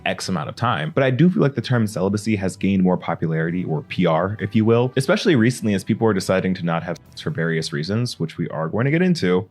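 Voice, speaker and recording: A man's voice: lowish voice, a little mellow. A young man hosting a commentary vlog, talking in a playful, joking way. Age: young adult. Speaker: vlogger host.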